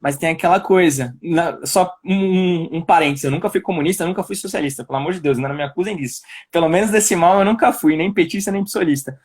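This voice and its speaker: Young guy w a são paulo accent on a video call, higher voice, chatty and laughy, lots of restarts. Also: fast talker, few pauses, darkish tone, breathy edge. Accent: Paulistano Brazilian Portuguese. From Brazil, São Paulo. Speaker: guest, political pre-candidate. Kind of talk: casual live-stream interview.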